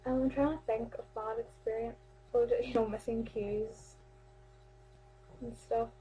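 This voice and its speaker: A woman's voice: on the high side, level tone, measured pace, dark tone, slight background noise, poor audio. A young Irish woman in her teens chatting casually to a webcam about amateur theatre, rambling, with many fillers and restarts. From Ireland. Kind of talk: casual vlog chat.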